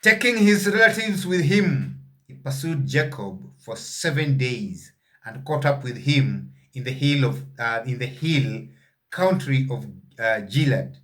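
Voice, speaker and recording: A man reading Bible verses aloud and explaining them in a sermon, pausing often with fillers and putting questions to his listeners. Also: mid-range voice, expressive, fairly bright tone. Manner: halting, with frequent "uh" fillers. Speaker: Bible teacher.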